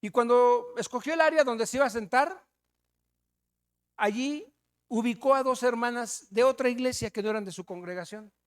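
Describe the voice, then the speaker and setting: A man with a Mexican accent preaching a sermon, telling a story with loud emphasis and hushed asides. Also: very high voice, normal speed, clear, resonant tone.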